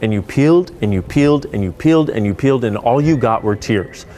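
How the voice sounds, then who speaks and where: A man explains a self-help tool with playful stories, his pitch leaping high and dropping low. A faint hiss sits under the recording. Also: a little fast. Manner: animated, playful storytelling with sudden rises in pitch. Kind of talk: spoken explanation to camera.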